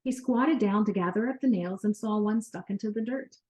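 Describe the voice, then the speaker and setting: A woman with a mid-pitched voice narrates a children's story at a moderate pace. Her storytelling is expressive and animated, pitched for young listeners.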